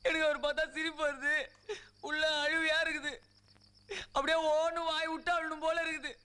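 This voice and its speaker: An actor playing a drunk, grieving young gangster who rambles tearfully. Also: male voice, extremely high pitch, flat delivery, a little fast, bright, forceful tone. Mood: drunk weepy. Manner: slurred, tearful rambling, laughing and crying by turns.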